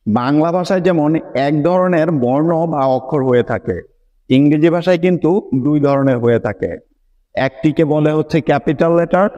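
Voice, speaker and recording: A man teaching English pronunciation in a video lesson, patiently explaining each letter in Bengali mixed with English words and often asking whether it is clear. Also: a little high, darkish tone, lo-fi sound.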